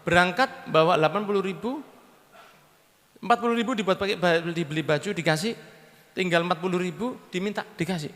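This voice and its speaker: High-voiced Javanese preacher in a hall. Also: male voice, fairly quick. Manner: lively, mixes in regional words, jokes with the audience. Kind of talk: sermon storytelling. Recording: long echo of a large hall.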